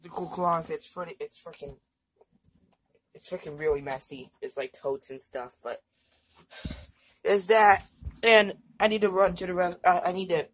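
A woman vlogging casually while in burning pain from a hot pepper, stammering and halting with many fillers. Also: lowish voice, fairly even intonation, slightly rough. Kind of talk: casual vlog.

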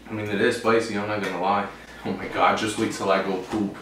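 A man's voice: on the low side, level tone, quick pace, a bit bright. A young man chatting casually in a teasing, boastful way during a food challenge. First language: bilingual English and Spanish. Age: young adult. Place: small bedroom, sitting on a bed. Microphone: camera a few feet away. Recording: very echoey bedroom, distant mic, faint noise.

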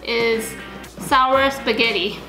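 A woman's voice: a little high, slow. A woman in her thirties talking casually to young children as a mother hosting a family taste test, instructing them and drawing out each announcement. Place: indoors, living room at a table. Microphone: camera a few feet away. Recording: echoey room with music behind.

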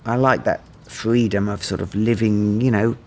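A British-accented man in his fifties talking about himself in a relaxed, informal interview style. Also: fairly low pitch, moderate pace, slight background noise. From United Kingdom. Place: indoor room, seated.

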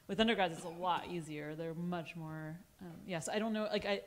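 Woman panelist, low voice, casual and brisk, handheld mic in a meeting room. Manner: quick, casual, laughing asides. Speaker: panelist, seminar teacher. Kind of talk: panel discussion. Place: conference room.

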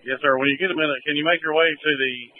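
A man's voice: fairly high pitch, steady tone, fast. A man talking in clipped, procedural, urgent firefighter radio traffic over a two-way radio. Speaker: fire crew officer on radio. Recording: noisy narrowband radio with clicks.

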